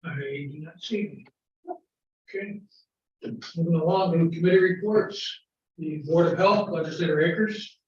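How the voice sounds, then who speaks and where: Male committee chair, brisk agenda calls, higher voice, far off in an echoey chamber. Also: a little mellow. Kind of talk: chairing a formal meeting. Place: county legislature meeting room. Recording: dull, echoey chamber audio from a distant mic.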